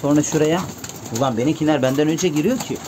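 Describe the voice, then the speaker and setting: He talks fast in a higher-pitched voice, addressing viewers in a relaxed vlog while coaxing his pigeons with call after call. The setting is noisy, with birds cooing around him.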